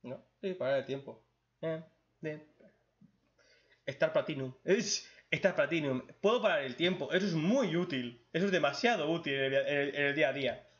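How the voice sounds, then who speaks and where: A blunt, joking man from reads out viewer questions and answers them with crude humor in a casual chat. His voice sits a little high for a man. The recording is dull and lo-fi. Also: moderate pace, fairly bright tone.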